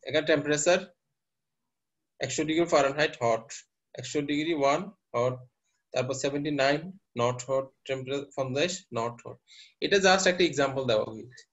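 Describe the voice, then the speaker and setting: A man's voice: mid-range voice, normal speed, pauses often. Man lecturing in a muffled recording. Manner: explains step by step, quizzes students. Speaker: university teacher. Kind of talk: lecturing class, mixing English terms.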